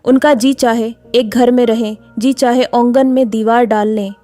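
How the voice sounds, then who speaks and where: A proud, wounded village stepmother from a storybook, brusque and resentful, as a woman narrator voices her. The voice is mellow and dry. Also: on the high side, fairly even intonation, a little slow, no echo, soft background music, natural voice.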